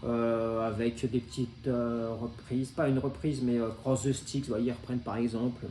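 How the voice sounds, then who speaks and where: A man's voice: medium pitch, flat delivery, normal speed, dark tone, a little hiss or hum. A man in his forties casually presenting his vinyl records, hesitant and full of filler sounds but enthusiastic. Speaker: record collector. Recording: roomy echo.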